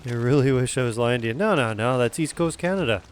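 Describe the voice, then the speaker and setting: A chatty man talks his way through a game stream, casual and self-deprecating. His voice sits at an ordinary middle pitch, with a faint hiss of noise behind it. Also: expressive, fast talker. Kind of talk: casual gaming chat.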